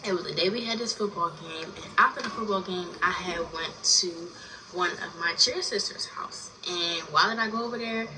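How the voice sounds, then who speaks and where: A woman's voice: on the low side, normal speed. Chatty young woman telling a story from afar. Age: 20s. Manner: chatty, rambling, full of "like" fillers, swears freely. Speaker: story time vlogger. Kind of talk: casual story time vlog. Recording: distant mic with noisy background.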